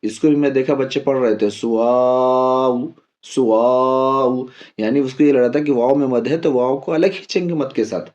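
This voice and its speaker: A man teaching Quran reading as a step-by-step lesson, patiently spelling out letters slowly and repeating each drill. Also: medium pitch, dark tone, highs cut off.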